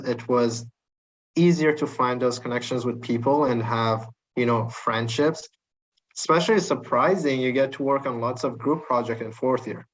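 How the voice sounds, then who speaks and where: Flat-voiced young male co-host, lo-fi. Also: medium pitch. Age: 20s. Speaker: podcast co-host. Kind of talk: casual interview conversation. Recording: dull lo-fi mic with faint hiss.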